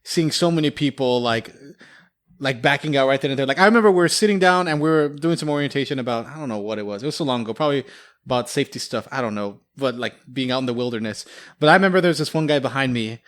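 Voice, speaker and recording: Fast-talking young man telling stories. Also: mid-range voice, fairly bright tone. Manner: rambling, laughs often, fills with "like". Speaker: podcast guest, military veteran. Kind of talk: casual storytelling chat.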